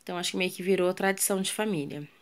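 Rapid-fire and on the low side, this woman's voice carries a Brazilian Portuguese accent as she casually narrates her kitchen cleaning. A home vlogger and mother, she chats with viewers, asks them questions and trails off with fillers.

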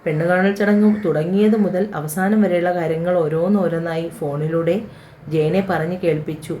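A woman reading a romantic audio story aloud in steady scripted narration. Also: lowish voice, moderate pace, a little hiss or hum.

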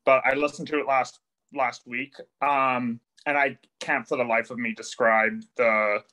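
A man's voice: medium pitch, level tone, a little slow, bright, forceful tone, poor audio. A man in a casual online book discussion, rambling with many fillers and some self-deprecation. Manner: rambling, lots of likes and ums, self-deprecating. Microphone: video call.

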